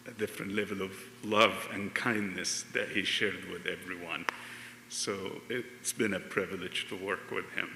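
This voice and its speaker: Deep, gravelly man from Egypt, measured and formal; very bright tone in an echoey hall. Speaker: hepatologist. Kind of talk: memorial tribute speech. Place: church hall. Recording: echoey church hall, faint noise.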